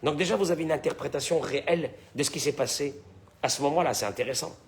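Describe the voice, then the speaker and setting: A man with a slightly high voice talks fast as a rabbi teaching the weekly Torah portion. He's animated, acting out dialogue, repeating words, and constantly putting questions to his listeners.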